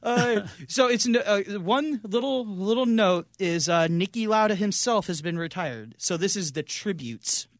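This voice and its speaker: A man's voice: high voice, animated, a little slow, hardly any pauses, dry recording, studio quality. A man hosting a podcast, moderating a casual chat and handing turns to the others. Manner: moderating, hands over turns. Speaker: podcast host.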